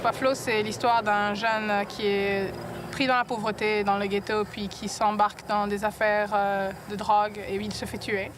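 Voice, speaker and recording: A woman explains a story slowly in a flat, level voice, stopping on fillers. The recording is noisy, with vehicle traffic clear behind her. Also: mid-range voice.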